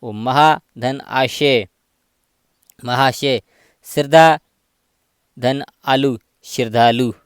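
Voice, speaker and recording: A man's voice: medium pitch, very slow, pauses often, clear, resonant tone, no echo, clean studio sound. A man teaching a grammar lesson, patiently spelling out examples one by one.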